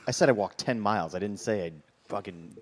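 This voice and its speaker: A man with a low voice, recorded dry and close, chatting on a casual podcast. He gets defensive under teasing and swears a lot. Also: fairly quick, no echo. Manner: defensive, profane. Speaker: podcast co-host. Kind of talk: casual chat.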